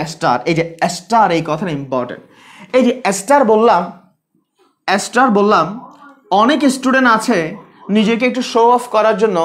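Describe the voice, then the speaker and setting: A man from Bangladesh teaching a live online biology class, talking casually, asking questions and answering them himself, repeating key points. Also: high-pitched.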